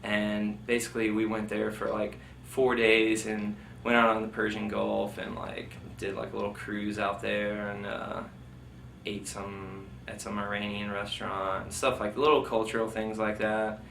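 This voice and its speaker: A man's voice: lowish voice, monotone, measured pace, creaky, a bit bright. A man, a military veteran being interviewed, casually recalling his service in a rambling, informal way full of filler phrases. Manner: rambling, informal, heavy use of "like" and "you know". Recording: roomy, distant mic, faint noise.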